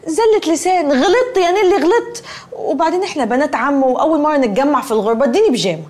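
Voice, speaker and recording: A woman's voice: high voice, expressive, rapid-fire, darkish tone. An actress playing a cheeky, chatty young woman who wheedles and needles her cousin in Egyptian Arabic. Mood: wheedling. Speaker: cousin, comic film character. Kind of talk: Egyptian comedy film acting.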